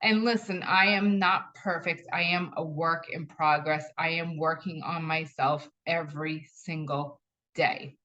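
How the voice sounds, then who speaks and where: A woman's voice: deep voice, fairly even intonation, a little slow, pushed and bright. A middle-aged woman talking casually about spiritual ideas, telling personal stories and repeating phrases for emphasis. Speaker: spiritual talk host. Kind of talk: casual spiritual talk to camera. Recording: dull lo-fi sound.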